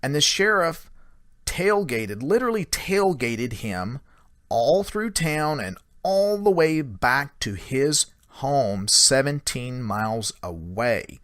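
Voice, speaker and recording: A man casually retelling a secondhand story in a conversational way, with many small pauses and "he said" tags. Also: mid-range voice, expressive, fairly bright tone, dry recording, clean studio sound. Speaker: paranormal storyteller.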